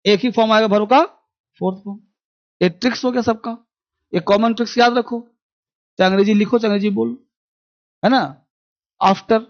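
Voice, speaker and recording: Man, grammar lecture, high-pitched, repeats questions to drive points home, muffled recording. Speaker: English grammar teacher. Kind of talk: classroom lecture.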